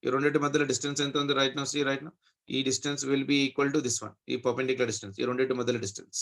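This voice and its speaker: Fast-talking Telugu Indian male physics tutor. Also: mid-range voice, little pitch movement, a bit bright. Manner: frequent checking questions and tag questions. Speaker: physics teacher. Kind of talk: interactive tutoring, working through a problem aloud.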